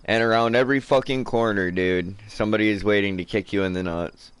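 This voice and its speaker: A relaxed male streamer talks through his survival game in a low, smooth voice. He swears freely, peppers his talk with dude and man, and drops to a mutter when he talks to himself. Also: brisk, no echo. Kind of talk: casual live-stream commentary.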